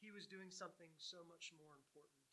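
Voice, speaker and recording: Male preacher, high and very bright voice, chatty sermon style with rhetorical questions. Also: brisk, a little hiss or hum, poor audio. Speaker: pastor.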